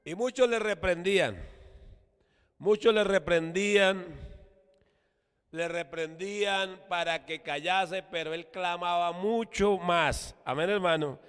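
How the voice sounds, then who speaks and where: A man's voice: sits high, slow pace, fairly bright tone, smooth. A man preaching a sermon in a Colombian Spanish accent, emphatic and repetitive, leading his congregation in call-and-response. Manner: emphatic, repeats "hermano" and has the congregation repeat words. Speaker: apostle preaching. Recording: long echoey hall reverb.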